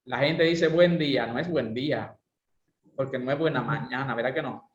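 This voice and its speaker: A man's voice: mid-range voice, brisk. A man teaching a speaking and voice class, explaining exercises and often asking rhetorical questions. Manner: didactic, asks rhetorical questions. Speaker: voice and speaking instructor. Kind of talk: online class lecture with exercises. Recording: roomy, dull lo-fi sound.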